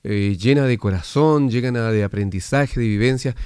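A man's voice: mid-range voice, moderate pace, darkish tone, clear, resonant tone, no echo, clean studio sound. A man hosting a weekly radio interview, friendly and conversational as he asks his guest questions. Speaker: radio host.

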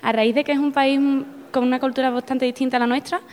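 A young woman from Spain, appearing as an exchange student guest, answers interview questions in a high voice with a steady tone and a fast pace. She comes across as friendly but a bit hesitant, and she repeats words.

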